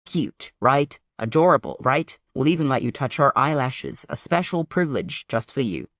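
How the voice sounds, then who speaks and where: A man's voice: medium pitch, moderate pace, a bit bright, no echo, studio quality, lightly acted. A man voicing a vain, teasing young boy twin in a preening, singsong way.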